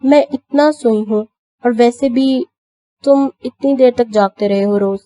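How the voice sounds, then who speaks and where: Woman doing shy childlike young wife, hesitant, mellow voice, dry close recording, audio novel. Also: a little high, no echo, lightly acted.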